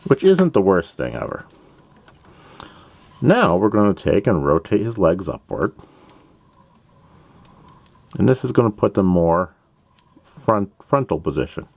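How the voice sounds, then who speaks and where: A man with a very low voice hosts a casual build tutorial, walking through each step one by one. His pitch moves up and down a lot as he talks, and he drops in playful asides. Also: creaky, a little mellow, no echo. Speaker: host of a toy-building channel.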